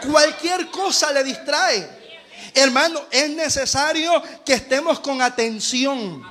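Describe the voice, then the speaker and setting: A male pastor preaching a sermon to his church, acting out everyday scenes and building to shouted peaks. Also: very high voice.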